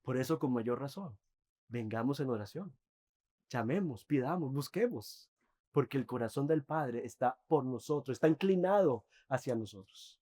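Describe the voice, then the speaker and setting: A man preaching a sermon as pastor, earnest, often dropping to soft, intimate tones. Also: mid-range voice, lively intonation, moderate pace.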